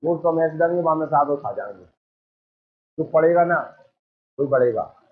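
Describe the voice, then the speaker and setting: Male coaching teacher, a bit high-voiced, tinny phone-like sound, drills the class with questions. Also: animated, normal speed. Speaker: Hindi teacher. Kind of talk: exam coaching lecture.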